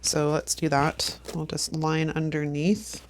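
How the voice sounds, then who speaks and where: This woman's low voice has little pitch movement and a slow pace, with a little hiss or hum on the recording. In her fifties and sniffling from allergies, she decorates a planner for a casual plan-with-me chat, laughing a lot and talking to herself.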